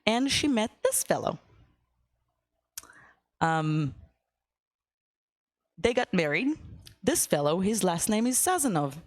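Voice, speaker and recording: A woman's voice: mid-range voice, dry recording. A young woman from Ukraine, giving a casual guest talk to a church class with lots of fillers and upbeat asides. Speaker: guest speaker.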